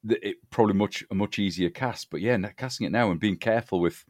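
A man's voice: fairly low pitch, quick pace, a little mellow, no echo, clean studio sound. A man hosting a podcast, chatting casually about a film, with frequent fillers and agreeing noises. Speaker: podcast host.

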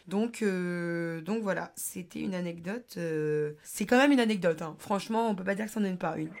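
A woman's voice: lowish voice, moderate pace, creaky, a little mellow. A young adult woman hosting a podcast, telling personal anecdotes in a casual, slangy way with lots of fillers. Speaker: podcast host.

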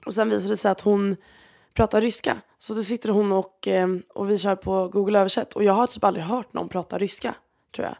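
A woman's voice: medium pitch, fairly even intonation, creaky, darkish tone. A woman hosting a podcast, telling stories in a chatty, rambling way with lots of fillers. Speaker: podcast host. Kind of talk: casual storytelling monologue.

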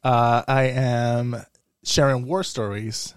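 A man's voice: medium pitch, fairly even intonation, takes it slowly, dry recording. Guy playing a tabletop game, jokey banter, dry close mic. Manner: joking, playful banter. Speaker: player. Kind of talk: in-character tabletop play.

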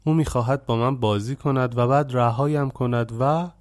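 A man's voice: mid-range voice, fairly even intonation, darkish tone, no echo, clean studio sound, close to an everyday voice. A man voicing an earnest young woman. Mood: pleading.

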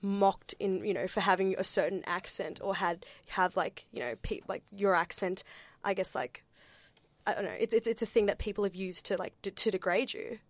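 A young woman with an Australian accent, for whom English is not a first language, speaks as a panelist in a discussion. She is hesitant, filling her speech with fillers and restarts, at medium pitch and normal speed with no echo.

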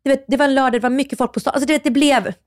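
A woman's voice: high voice, no echo, studio quality. Agitated woman telling a story. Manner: animated, agitated storytelling with many restarts. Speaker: podcast co-host. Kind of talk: casual chat.

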